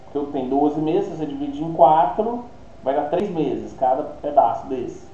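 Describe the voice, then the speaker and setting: Man, Brazilian accent, English teacher, online lesson, dark mellow voice, faint hiss. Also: fairly high pitch, moderate pace. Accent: Brazilian Portuguese. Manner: explanatory, thinking aloud with many tag questions. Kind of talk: online class lecture. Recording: roomy, dull lo-fi sound with faint hiss.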